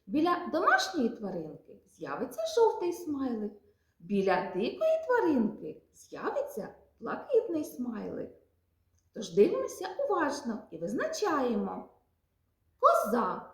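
A woman preschool teacher from Ukraine leads toddlers through a nature lesson. Her voice is high and swoops up and down in a wildly lively, sing-song way. She speaks slowly and coaxingly, and the recording sounds like an echoey room. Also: creaky. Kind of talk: nature lesson for small children.

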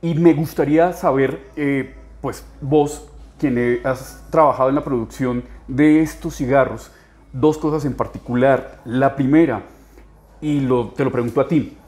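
A man's voice: medium pitch, fairly even intonation, measured pace, a little mellow. Colombian man asking long questions. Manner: thoughtful, long winding questions. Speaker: host. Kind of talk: conversational interview.

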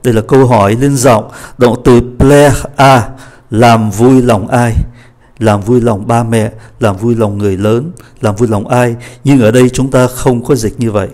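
Slow, patient male French teacher. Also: medium pitch, steady tone, a little mellow. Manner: slow, deliberate model readings of French phrases between quick explanations. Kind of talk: pronunciation lesson.

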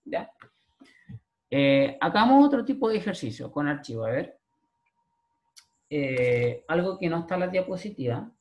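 A man's voice: on the high side, sing-song, measured pace, long pauses, darkish tone. A male programming lecturer with a Chilean accent, explaining step by step and checking in with a frequent "¿ya?". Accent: Chilean Spanish. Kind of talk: recorded screen-share class.

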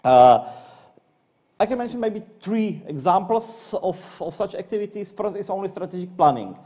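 A man from the Czech Republic with a Czech accent, presenting as an academic panelist in English. His delivery is halting, with frequent fillers and repeated words. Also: high-pitched, animated, warm tone.

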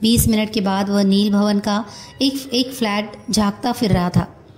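A woman narrating a storybook in a steady, measured reading voice. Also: medium pitch, poor audio.

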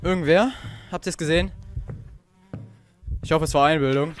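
A man's voice: a little high, normal speed, clean tone. A teenage boy playing a horror game and joking nervously to his viewers, with faint game ambience behind him. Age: teens. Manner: nervous, joking, talks to viewers, sudden shouts. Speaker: let's play gamer. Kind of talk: horror let's play commentary.

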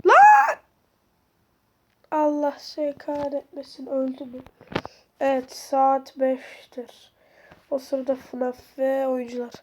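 A high-pitched woman playing a horror game and commentating as she goes. She is sick with a sore throat, yet still yells, curses and panics at every scare, then drops to tense mutters. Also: little pitch movement, slow pace, slight background noise. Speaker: gaming video host. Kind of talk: excited let's-play commentary.

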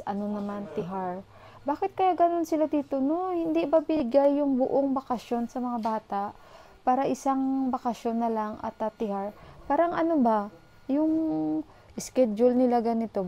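A woman with a fairly high voice chats on a casual home vlog. She holds the phone camera herself and talks indoors at home. She calls her viewers "guys" every few words. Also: warm tone. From Philippines. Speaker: vlogger.

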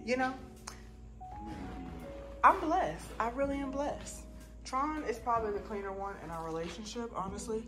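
A woman's voice: on the high side, moderate pace, long pauses. A woman in her thirties chatting casually to camera in a family vlog, talking to viewers like friends. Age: 30s. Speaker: vlogger, mom and doctor. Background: background music.

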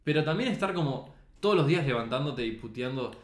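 A man's voice: medium pitch, lively intonation, quick pace. A young man with a Rioplatense Spanish accent, a podcast guest and photographer talking earnestly in casual chat, full of slang fillers. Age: young adult. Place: recording studio. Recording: roomy studio echo.

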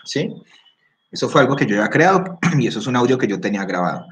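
A man giving a casual screen-recorded app tutorial, explaining step by step, often checking in and clearing his throat. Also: mid-range voice, sing-song, fast talker, fairly bright tone, faint music behind. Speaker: workshop instructor. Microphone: computer or phone microphone.

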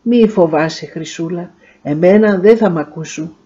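A brave young captain speaks low and tenderly, as a woman reads him aloud. His warm, mellow tone stays soft and earnest. The recording sounds a little muffled. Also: husky. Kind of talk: storybook reading.

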